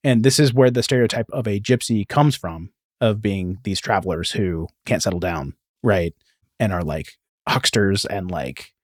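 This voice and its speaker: A podcast host with a low-sitting voice casually explains film and history through stories, often breaking off into asides. The audio is studio quality, with no room sound.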